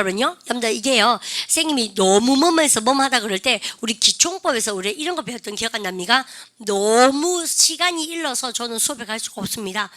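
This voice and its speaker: In a classroom lesson, a female teacher with a slightly high voice leads English speaking practice. She's animated, prompting her students and stretching out example phrases slowly for them to drill.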